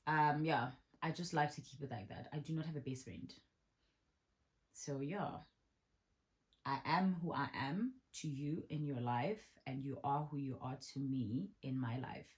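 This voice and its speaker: The 30-something vlogger takes viewer questions at a measured pace, her voice low and rumbling. She stays casual and relaxed, repeating points for emphasis.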